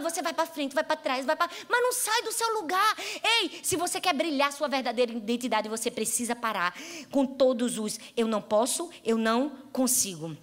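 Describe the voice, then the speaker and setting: A woman in her thirties with a Northeastern Brazilian accent, preaching an animated sermon that speaks straight to her listeners, often breaking into laughter. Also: high-pitched. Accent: Northeastern Brazilian Portuguese.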